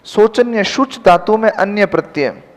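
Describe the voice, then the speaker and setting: A man's voice: high voice, lively intonation, a little slow. A man teaching a Hindi grammar class, dictating spelling corrections word by word and quizzing his students, whom he calls "beta". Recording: long reverb in a classroom.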